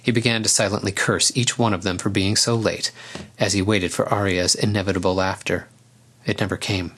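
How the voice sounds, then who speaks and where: Man, storybook narrator, calm, even reading, somewhat low voice. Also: a little fast, breathy edge.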